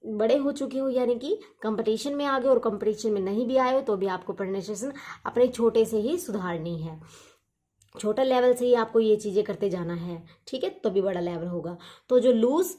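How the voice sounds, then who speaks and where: High-voiced woman teaching English grammar. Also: dark tone. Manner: repeats key words in question-and-answer drills; slow, drawn-out when spelling words. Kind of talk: explanatory lesson.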